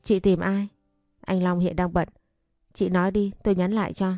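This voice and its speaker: A woman voicing a brisk, offhand young woman who picks up someone else's phone, in a story reading. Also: lowish voice, level tone, warm tone, no echo, studio quality, soft background music, close to an everyday voice.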